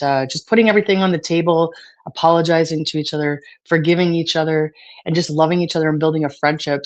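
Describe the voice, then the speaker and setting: Woman, low pitch, casual interview guest, halting speech, emotional. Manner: halting, with many fillers and restarts. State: choked up, emotional.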